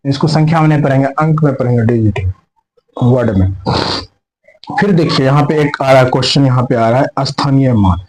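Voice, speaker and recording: In a classroom lesson at the board, a man teaches maths, questioning and answering himself and repeating each step in new phrasing with English terms mixed in. His voice is medium-pitched, a bit fast and darkish, and the audio is poor with slight background noise.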